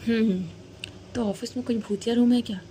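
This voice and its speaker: A woman's voice: on the high side, steady tone, a little fast, mellow, a little hiss or hum, lightly acted. A woman voicing a playful young woman who teases and mocks her scared cousin. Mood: teasing. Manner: playful, mocking. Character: teasing young woman who loves pranks.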